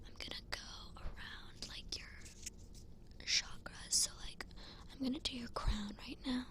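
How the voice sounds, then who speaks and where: A woman doing a fast-whispered ASMR role-play as a flaky, self-assured psychic, rambling in a breezy, informal way. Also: high-pitched, steady tone. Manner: rambling, breezy, informal filler-heavy talk. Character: flaky, self-assured female psychic giving a cleansing session.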